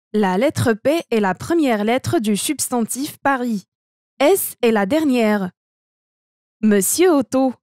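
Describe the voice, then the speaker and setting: A woman reads a textbook lesson aloud at an unhurried, measured pace. She handles every part of the dialogue and the notation in the same steady, deliberate voice. The recording is close and dry, with no room sound. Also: on the high side, no room sound. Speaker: reader of a language textbook. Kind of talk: slow textbook read-aloud.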